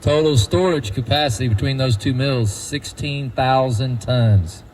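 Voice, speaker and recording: Man, mellow, easygoing guide, faint outdoor hiss. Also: medium pitch, a little slow, rough recording. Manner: folksy, quizzes the crowd. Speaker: tour guide at a feed mill. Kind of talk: guided tour talk to a group.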